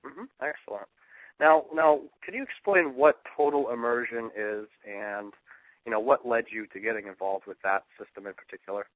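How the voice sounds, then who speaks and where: A male host from New Hampshire introduces his guest and asks questions in a friendly, steady manner. The sound is dull and lo-fi, and the voice is dry, with no room echo. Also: mid-range voice, moderate pace. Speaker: podcast host. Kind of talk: interview hosting.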